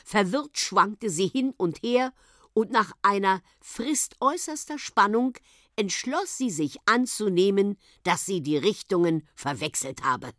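A woman narrating a storybook reading with an expressive, animated delivery. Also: mid-range voice, a little slow, dry recording, studio quality.

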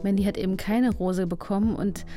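A woman's voice: mid-range voice, fairly even intonation, brisk, warm tone, soft background music. A woman podcast host and coach talking in an empathetic, encouraging way. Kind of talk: podcast conversation with recorded coaching session.

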